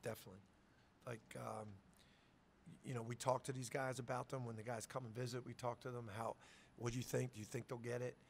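Middle-aged coach guy at a presser, gravelly voice, keeps restarting his sentences, faint hiss on the mic. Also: mid-range voice, level tone, brisk. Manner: conversational, repeats words when starting sentences. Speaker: head basketball coach. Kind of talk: post-game press conference answers. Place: press conference room with sponsor backdrop. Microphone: table mic.

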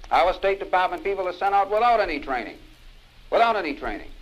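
A man's voice: sits high, very animated, quick pace, a bit bright, rough recording. A man giving an impassioned political lecture, stressing his points by repeating key phrases, heard from an old vinyl record. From United States.

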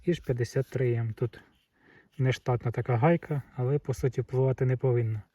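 A man's voice: medium pitch, steady tone, fairly quick, dark tone, no room sound. Plain-spoken man testing an airgun. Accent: Ukrainian. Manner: matter-of-fact, reads out chronograph numbers. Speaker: airgun vlogger. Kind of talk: casual hands-on testing talk. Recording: distant mic with noisy background.

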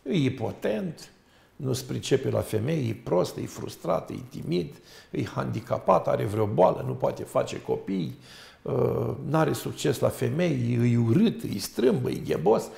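Man, a monk on a talk show, gravelly voice, piles up long lists when he preaches. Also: mid-range voice, expressive, dark tone. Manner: emphatic, lists things in long runs. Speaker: monk, guest. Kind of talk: storytelling talk-show sermon. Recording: roomy echo.

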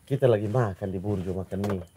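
A man's voice: on the low side, brisk, dark tone, a little hiss or hum. A man in a casual chat, telling an anecdote in a chatty way. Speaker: podcast co-host.

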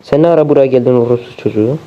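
A man's voice: medium pitch, very fast, slight background noise. Foul-mouthed exasperated male gamer, dull audio. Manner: constant swearing, exasperated. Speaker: gameplay streamer. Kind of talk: let's play commentary. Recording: dull lo-fi sound.

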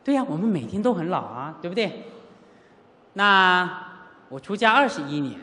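Middle-aged preacher, animated storytelling sermon, lively pitch, long hall reverb. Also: normal speed. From Taiwan. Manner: animated, acts out dialogue, asks the audience rhetorical questions. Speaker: Buddhist teacher giving a sutra lecture. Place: lecture hall at a Buddhist centre.

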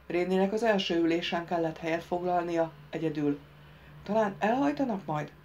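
Woman, audiobook narrator, measured storytelling, lifts voice for dialogue. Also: fairly low pitch, muffled recording, slight background noise. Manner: reads dialogue lines louder and livelier than narration.

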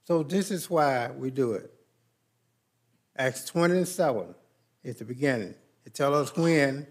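In a large church sanctuary, a man leads the Lord's Supper and prayers, speaking into a pulpit microphone with a slow, measured, reverent cadence. His voice is mid-range with lively intonation.

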